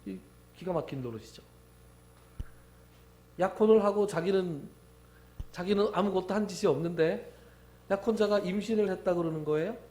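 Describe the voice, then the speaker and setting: A man's voice: sits high, normal speed, long pauses, warm tone, reverberant. A man preaching a Christmas sermon as pastor, telling the story plainly and asking and answering his own questions. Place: church sanctuary.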